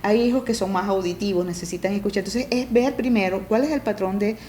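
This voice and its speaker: A middle-aged woman with a warm, mellow voice speaks as a family coach in a relaxed interview. She explains step by step, often checks that her listener follows, and acts out parent-child exchanges with lively jumps in pitch. A faint hiss of background noise sits under her voice. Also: fast talker. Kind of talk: conversational interview.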